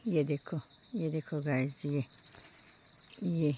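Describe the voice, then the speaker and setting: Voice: mid-range voice, steady tone, slow pace, warm tone, a little hiss or hum. A village vlogger from talks casually outdoors among small crop beds, pointing things out and repeating "look at this" as they show the plants. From Uttarakhand, India. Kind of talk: casual walk-around farm vlog.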